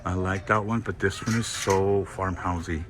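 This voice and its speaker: Gushing low-voiced man shopping. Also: normal speed, background noise. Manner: gushing, excitable, exclaims and laughs often. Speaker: shopping vlog host. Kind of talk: casual shop-with-me walkthrough. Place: inside a discount store.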